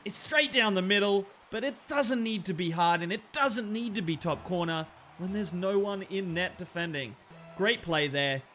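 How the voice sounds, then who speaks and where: A man casting an online car-soccer match with excitable play-by-play commentary, breaking into laughter and jumping up on near misses. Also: high voice, normal speed, soft background music. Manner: excitable, laughs at plays, rises sharply on chances. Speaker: esports caster.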